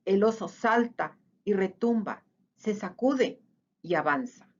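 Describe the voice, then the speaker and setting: A woman reading a children's picture book aloud in an expressive, sing-song way. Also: mid-range voice, slow pace, muffled recording. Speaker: storyteller.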